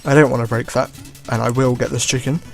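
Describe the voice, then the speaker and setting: A man giving relaxed gameplay commentary as a let's play host, often chuckling and trailing off with shrugging asides. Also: medium pitch, fast talker, vocal fry. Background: faint game music.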